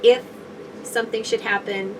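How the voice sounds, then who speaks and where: A woman's voice: fairly high pitch, normal speed, crowd noise. Stuffy-voiced woman chatting in an RV. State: stuffy, scratchy throat from allergies. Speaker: RV vlog co-host. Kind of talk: casual chat. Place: inside an RV. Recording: distant mic with steady background noise.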